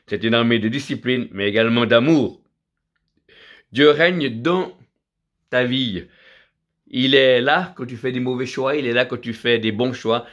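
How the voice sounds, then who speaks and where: A man's voice: medium pitch, fairly bright tone, muffled recording. Fervent male preacher with alleluias. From Vietnam. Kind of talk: sermon.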